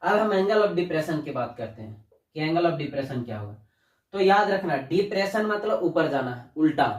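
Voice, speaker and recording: Male teacher, higher voice, talks to students as kids, recorded off-mic in an echoey room. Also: lively intonation, moderate pace, far from the mic. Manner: addresses students as "बच्चा", asks and answers own questions. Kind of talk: classroom lesson.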